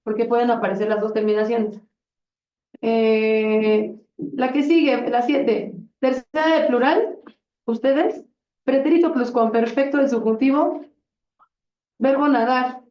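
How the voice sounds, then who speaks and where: The classroom recording is roomy, distant and dull as a woman drills Spanish verb conjugations at a measured pace. Her fairly high voice stays fairly even in intonation, and she patiently encourages students, often praising their answers.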